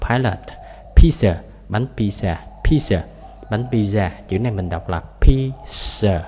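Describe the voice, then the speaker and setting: Guy teaching english words, says each one twice, kinda low voice, echoey room. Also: darkish tone. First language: Vietnamese. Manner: repeats each English word slowly and clearly, explains sounds. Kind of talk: vocabulary lesson, word by word. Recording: echoey room with faint background noise.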